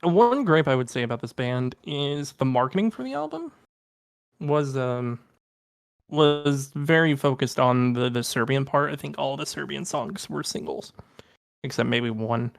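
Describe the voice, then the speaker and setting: Speaking a little slowly, this young podcast co-host has a smooth, mid-range voice with some vocal fry. He talks about music with casual enthusiasm, um-ing and restarting often as he reviews. The studio-quality sound has no room echo.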